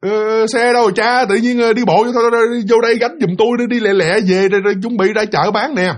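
Man voicing a panicky Southern Vietnamese market woman, high and husky, storytelling. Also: sing-song, quick pace, exaggerated voice. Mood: puzzled. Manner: shrill, scolding, panicky exclamations. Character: flustered middle-aged woman fruit seller.

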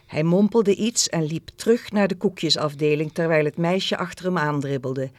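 A woman reading a literary column aloud in a radio studio with calm, measured storytelling. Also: lowish voice, no room sound. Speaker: column reader.

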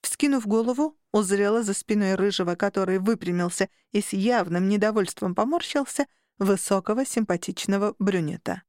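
A woman reads a first-person audiobook with lively, playful expression. Her voice sits in a middle pitch. The recording is dry and close to the mic. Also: normal speed, hardly any pauses, no echo. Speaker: audiobook narrator.

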